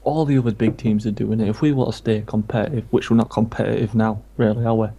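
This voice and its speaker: A man's voice: fairly low pitch, steady tone, quick pace, gravelly, dark tone, slightly rough. A man from England chatting casually about football while streaming a game, rambling from point to point. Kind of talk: casual chat while gaming.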